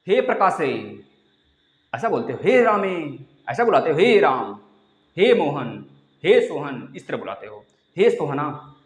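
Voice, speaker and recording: A man teaching a live online class. He repeats words over and over, dictates slowly and drops in jokey asides. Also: mid-range voice, roomy sound. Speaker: Hindi teacher for exam preparation.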